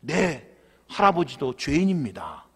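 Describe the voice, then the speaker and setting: A man's voice: a little high, big pitch swings, a little slow, slightly rough, pitched below the performer's own voice, exaggerated voice. A man voicing a young, devout grandson who answers firmly and earnestly, in a reverberant church hall. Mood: steadfast.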